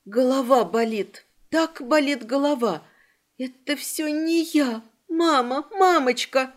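A woman's voice: high-pitched, takes it slowly, pitched above the performer's own voice. A woman reading voicing a frightened, weeping young woman who pleads and sobs. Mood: sobbing. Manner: sobbing, pleading, breathless fear.

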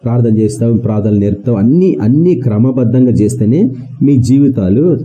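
A man's voice: medium pitch, expressive, brisk, warm tone, dull audio. A man preaching a sermon to his congregation, firing rhetorical questions at them and repeating key words for emphasis. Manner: colloquial, mixes in English words.

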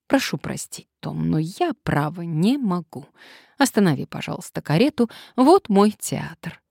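A woman's voice: fairly low pitch, sing-song, a little slow, creaky, darkish tone, dry recording, clean studio sound, heavily acted. A woman reading as a prim, polite period lady. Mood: polite refusal. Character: prim, polite young woman of old times.

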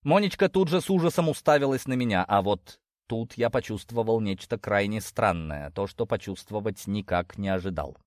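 A man narrating an audiobook in a wry, measured way. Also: fairly low pitch, expressive, a little mellow, no room sound, clean studio sound.

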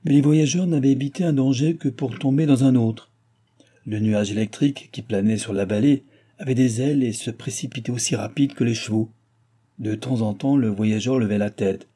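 A man reading a classic novel aloud as an audiobook narrator, in a steady dramatic way. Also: medium pitch, moderate pace, husky. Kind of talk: scripted narration.

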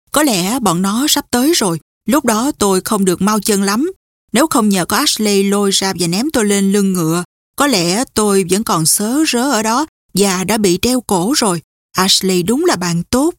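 A woman reading a brash young man on the run who talks fast and swears often, in an audiobook. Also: medium pitch, expressive, dry recording, clean studio sound, lightly acted. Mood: hurried. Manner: rough, swearing, hurried.

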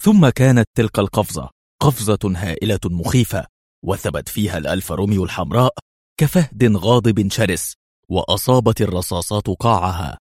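A middle-aged man giving a measured, dramatic audiobook reading. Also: lowish voice, a little mellow, no echo, clean studio sound. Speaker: audiobook narrator. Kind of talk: dramatic story narration.

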